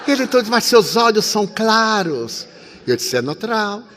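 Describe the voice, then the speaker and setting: A man in his eighties giving a spiritist sermon, telling a story with lively swings between loud and soft and acting out the dialogue. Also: high-pitched, moderate pace, background noise. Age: 80s. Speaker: spiritist speaker. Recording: long hall reverb.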